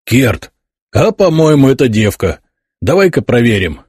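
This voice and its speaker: A man's voice: medium pitch, big pitch swings, measured pace, a little mellow, slightly rough, no room sound, studio quality, pitched above the performer's own voice. A man voicing a crude soldier who jeers coarsely. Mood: jeering. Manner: jeering, coarse.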